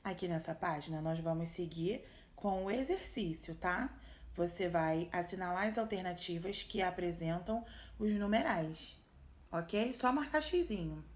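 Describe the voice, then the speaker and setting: A woman's voice: lowish voice, animated, measured pace. A woman schoolteacher with a Brazilian accent patiently walks young pupils through workbook exercises, checking in often. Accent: Brazilian Portuguese. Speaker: primary school teacher. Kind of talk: recorded remote lesson walkthrough.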